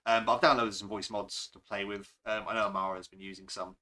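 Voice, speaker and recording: A man's voice: fairly low pitch, steady tone, fast, pushed and bright. A man who runs a tabletop game, chatting casually and rambling a bit, with self-deprecating laughs. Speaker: game master. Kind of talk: casual podcast chat.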